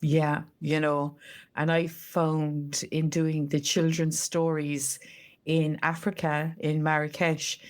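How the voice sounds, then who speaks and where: An Irish woman, a storyteller and co-host, chatting casually in conversation. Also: sits low. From Ireland.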